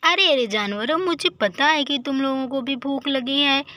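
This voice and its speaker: Bright high-voiced woman telling a doll story. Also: normal speed. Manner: lively homely chatter, talking to herself. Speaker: storyteller voicing all the dolls. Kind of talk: Hindi doll story narration with character voices.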